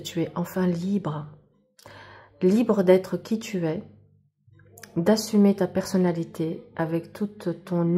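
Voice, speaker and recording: The speaker is a tarot card reader whose voice is fairly low and dark. In her monthly reading she chats casually and spiritually straight to the viewer, enthusiastically marveling at the cards again and again.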